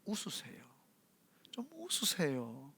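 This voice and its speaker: A middle-aged Korean man, preaching a sermon as senior pastor and telling animated stories in which he acts out the voices in quotes. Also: on the high side, slow pace, gravelly, husky.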